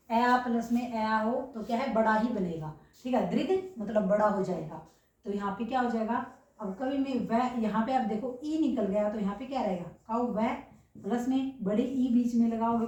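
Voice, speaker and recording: A grammar teacher with a warm voice on the high side keeps quizzing her class with rhetorical questions and confirming they've understood. The recording places her far away in an echoey room.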